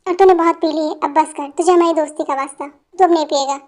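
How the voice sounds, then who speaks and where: A woman's voice: high voice, steady tone, fast, darkish tone, natural voice. A woman dubbing a caring male best friend. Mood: concerned. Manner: firm, pleading. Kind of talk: fan dubbing.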